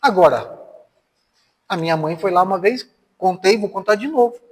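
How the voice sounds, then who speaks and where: Man, Brazilian Portuguese accent, spiritist lecture, conversational, rhetorical questions, fairly high voice, long hall reverb. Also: lively intonation, moderate pace, husky. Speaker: spiritist speaker. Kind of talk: spiritist lecture with personal stories.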